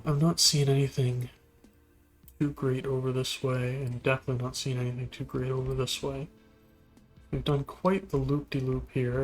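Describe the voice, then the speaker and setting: A man giving relaxed, musing commentary while playing a video game, now and then talking to things on screen. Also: medium pitch. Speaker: gameplay video host. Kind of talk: casual gameplay commentary.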